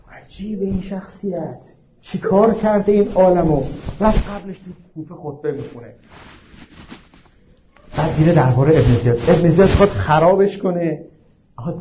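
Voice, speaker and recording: High-voiced male preacher, dull recording. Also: noisy background. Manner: asks the audience frequent rhetorical questions; slows down to recite and stress quotations. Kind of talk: religious sermon.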